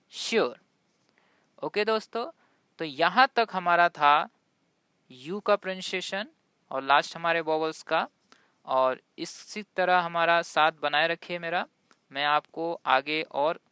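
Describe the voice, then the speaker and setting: Man, pronunciation teacher, unhurried, spells letters out, bright tone. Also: fairly high pitch, clean tone, dry recording, clean studio sound. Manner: spells words letter by letter, then says them; checks in with listeners often. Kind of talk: explanatory lesson.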